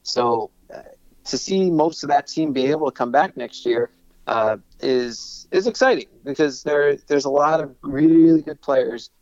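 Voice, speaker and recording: A man's voice: a little high, unhurried, a little mellow, no echo, highs cut off. A man in his thirties from Long Island, a sports broadcaster, talking enthusiastically with many restarts and fillers. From Long Island, New York. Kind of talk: casual interview talk.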